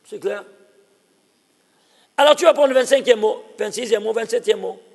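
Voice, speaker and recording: A man teaching a Torah lesson as a rabbi, animated and exclaiming, often asking his audience questions. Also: sits high, moderate pace, creaky, long reverb tail.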